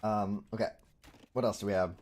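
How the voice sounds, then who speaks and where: A man's voice: on the low side, steady tone, a little fast, a little mellow. A man casting a live strategy game match, chatty, laughing easily and talking to his chat. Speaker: esports commentator.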